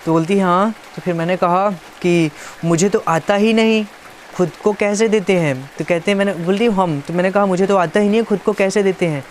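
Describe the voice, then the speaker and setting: A man's voice: high-pitched, normal speed, slight background noise. A man casually reading out a chat and adding teasing, playful comments as a YouTuber. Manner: playful, teasing, reads chat lines aloud.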